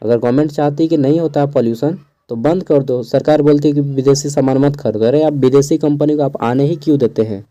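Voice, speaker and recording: A young man teaching an exam-answer lesson in a casual, chatty way, keeping his voice low in a small room at home and adding asides. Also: a little fast, few pauses, warm tone, lo-fi sound. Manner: chatty, digresses with asides and chuckles; keeps his voice down so neighbours won't hear. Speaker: teacher going over an exam paper.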